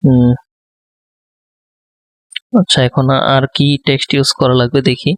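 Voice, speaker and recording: Man, quiet tutorial talk, hesitant fillers, monotone, dry close mic. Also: mid-range voice, unhurried, no echo. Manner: soft-spoken, thinking aloud with many fillers. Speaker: design tutor. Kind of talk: live screen-recorded tutorial. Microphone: close microphone.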